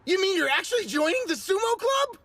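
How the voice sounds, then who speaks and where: A jittery, easily flustered schoolboy who stammers and then bursts with excitement. His voice sits high and bright, swinging sharply up and down. It is a dubbed anime scene. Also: a little fast, heavily acted. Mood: overjoyed. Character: timid, excitable teen boy, lone sumo club member. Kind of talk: anime dub acting.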